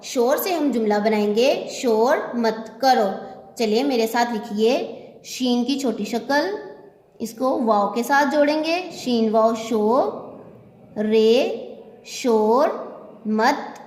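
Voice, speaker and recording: A woman teacher with a Pakistani Urdu accent, slowly dictating a lesson to children and spelling out each word letter by letter. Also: a little high, darkish tone. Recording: echoey room with long reverb.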